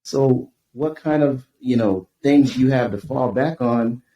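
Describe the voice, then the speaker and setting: A man from Tucson, Arizona, a guest author, talking in a relaxed, reflective way on a podcast. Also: mid-range voice, slow, dull audio. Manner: reflective, easygoing, uses "you know" a lot. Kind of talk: casual podcast interview. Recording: echoey room with faint background noise.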